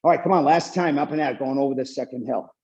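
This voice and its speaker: A man's voice: medium pitch, fast, darkish tone. A man instructing a spin class while cycling hard himself, out of breath and calling out motivational cues. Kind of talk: motivational indoor cycling coaching. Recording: dull, muffled lo-fi class recording.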